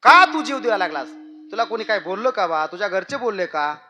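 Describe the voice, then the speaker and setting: A man's voice: high voice, sing-song, quick pace, bright, forceful tone, soft background music, exaggerated voice. A man doing a coaxing village chairman. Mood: urgent. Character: generous rich village chairman, pleading.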